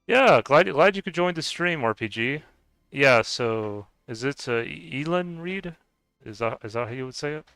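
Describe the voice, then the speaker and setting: A man with a mid-range, slightly bright, smooth voice streams a game and chats casually with his viewers. He talks at a normal pace with lively intonation and some vocal fry, hesitating, chuckling, and stumbling over how to pronounce names. The close mic gives a dry sound, with faint music in the background.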